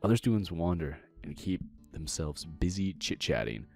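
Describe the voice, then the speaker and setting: A man's voice: deep voice, big pitch swings, moderate pace, creaky, soft background music. A young man streaming a dating sim, reading the narration aloud and riffing playfully. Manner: playful, reads narration and riffs on it. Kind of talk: casual game commentary, reading aloud.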